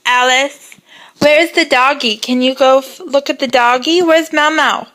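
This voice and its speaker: A woman speaks in very high, bright baby talk, drawing her words out slowly. Her coaxing, sing-song tone rises and falls as she prompts a little one. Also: steady tone, low-quality recording. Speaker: parent talking to a baby.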